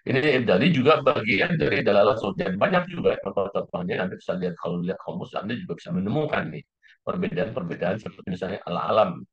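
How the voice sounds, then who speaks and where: A man's voice: fairly low pitch, lively intonation, fast, breathy edge. A man teaching a class, explaining step by step and often repeating key phrases. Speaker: lecturer. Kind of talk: classroom lecture. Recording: slightly dull lo-fi recording.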